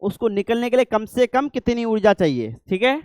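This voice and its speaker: High, clear-voiced male teacher lecturing a class. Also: very animated, fairly quick, a little mellow, no echo, studio quality. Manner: keeps asking the class checking questions.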